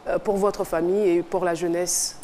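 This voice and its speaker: A woman hosting a TV show in a studio with a live audience, lively and playful as she calls out to the crowd and interviews guests. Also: lowish voice, moderate pace. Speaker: TV show host. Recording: noisy studio with crowd behind.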